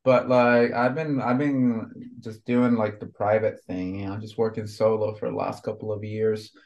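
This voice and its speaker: A man in his thirties who grew up in Honduras talks about tattooing in a loose, rambling way. His voice sits a little low, and he leans heavily on fillers as he goes. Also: steady tone, moderate pace, a little mellow, lo-fi sound. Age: 30s. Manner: rambling, lots of fillers like "you know". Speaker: tattoo artist guest. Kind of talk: casual conversation.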